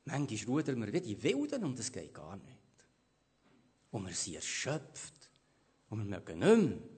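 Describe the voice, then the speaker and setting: Lively Swiss preacher with a husky voice. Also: male voice, lowish voice, measured pace. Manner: dramatic swings from loud to hushed, asks the audience questions. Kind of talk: sermon.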